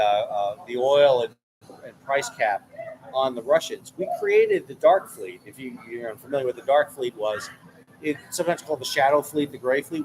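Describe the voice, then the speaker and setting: Sitting in a bar with ambient noise around him, a military analyst from New York who runs a channel gives his opinions in a casual way, frequently repeating words while he thinks. His voice is a little high. The audio is poor, with some hiss or hum.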